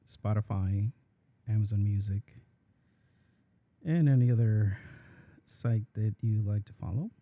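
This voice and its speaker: Dark, gravelly male podcast host. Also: fairly low pitch, muffled recording. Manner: friendly, with fillers. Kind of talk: podcast hosting. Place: campus studio.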